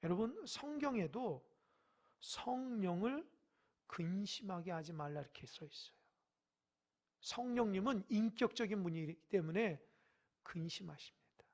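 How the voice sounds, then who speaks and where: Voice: medium pitch, animated, a little slow, long pauses. Emphatic Korean church pastor preaching. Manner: emphatic, swings from loud exhortation to hushed asides; addresses the congregation directly with questions. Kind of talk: midweek sermon. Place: church sanctuary.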